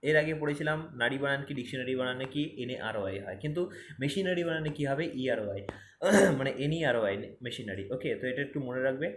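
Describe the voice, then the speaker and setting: A man's voice: mid-range voice, animated, fast talker, a little hiss or hum. A man teaching spelling for exams, spelling words letter by letter and repeating them for emphasis. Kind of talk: exam-prep spelling lesson. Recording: roomy echo, faint ambience.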